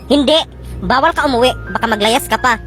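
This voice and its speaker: A woman's voice: fairly high pitch, brisk, pitched below the performer's own voice, natural voice. A woman voicing a strict, stingy employer who gives curt, stern refusals, over music. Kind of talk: comedy skit. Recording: music underneath.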